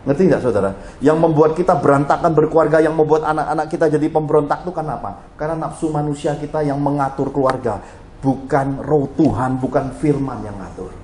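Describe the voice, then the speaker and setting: Fast and on the high side, the middle-aged pastor's voice carries an animated sermon of stories aimed directly at his congregation. A little hiss or hum sits under the roomy church hall echo.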